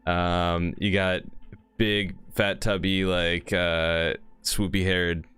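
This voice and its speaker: A man's voice: low-pitched, little pitch movement, slow pace, a bit bright, clear, resonant tone, no echo. A man running a tabletop game as dungeon master, describing scenes in a loose, rambling way with many fillers.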